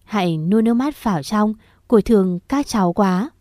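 A woman narrating a story in a steady, gentle reading voice. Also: medium pitch, moderate pace, dry recording, clean studio sound.

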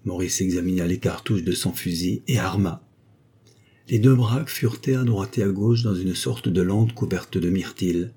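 A man reads a classic novel in a steady, measured audiobook narration. His voice sits low and dark, with a husky grain. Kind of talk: scripted narration.

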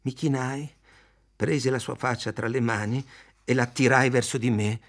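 A man reading a literary novel aloud, in a measured, even storytelling manner. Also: mid-range voice. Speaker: audiobook reader. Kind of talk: literary audiobook narration.

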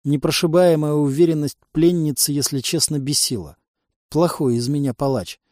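A man's voice: fairly high pitch, moderate pace, mellow, dry recording. A man narrating a first-person audiobook in a dry, ironic manner.

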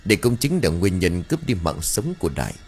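Deep-voiced, husky male audiobook narrator. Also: fast, soft background music. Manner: expressive, dramatic storytelling.

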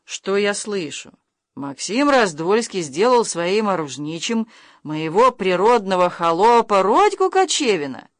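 A reader voicing a mocking, quick-tempered young nobleman in an audiobook, with a sneering, heated delivery. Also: mid-range voice, lively intonation, fairly bright tone, dry recording, studio quality, lightly acted. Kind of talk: audiobook reading of character lines.

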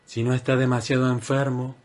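A man voicing a gentle young woman doctor in an audiobook, speaking softly in a lightly raised voice. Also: mid-range voice, little pitch movement, a little fast, pitched above the performer's own voice, close to an everyday voice. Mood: calm.

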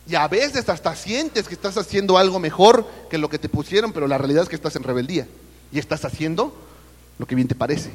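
A man's voice: on the high side, expressive, brisk, husky, big-room sound. A Mexican man preaching a sermon with a Mexican Spanish accent, calling his listeners brother and putting questions to the congregation. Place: church service.

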